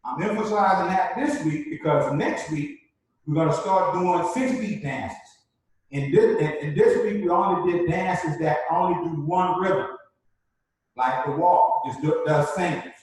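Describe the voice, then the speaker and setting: A man's voice: high-pitched, a little slow, darkish tone. A man teaching a live online dance class, repeating key points and checking in with "right?" as he explains. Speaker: dance instructor. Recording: very echoey room, distant mic.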